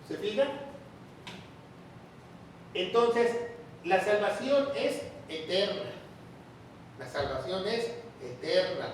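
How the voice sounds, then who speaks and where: Emphatic pastor in a booming echoey hall. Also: male voice, expressive, takes it slowly, long pauses, slight background noise. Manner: emphatic, repeats key phrases, asks the audience rhetorical questions. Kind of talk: Bible teaching sermon. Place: church or large hall, with the sermon streamed online. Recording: very echoey room, voice far from the mic.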